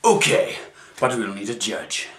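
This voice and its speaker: A man's voice: lowish voice, expressive, unhurried. A man acting in an amateur comedy sketch as a cocky, competitive contestant. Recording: roomy echo, faint noise.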